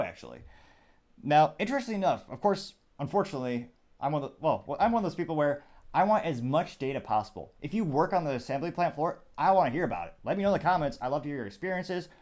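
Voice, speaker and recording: A man's voice: on the high side, lively intonation, fast, a little mellow. A man hosting a political commentary show, talking casually with wry, sarcastic asides and thinking aloud. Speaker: show host.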